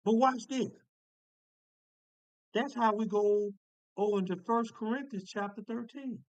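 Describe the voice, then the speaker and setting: A man preaching a sermon in a folksy, emphatic way, repeating phrases and slowing down to stress key words. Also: sits high, no echo, dull audio.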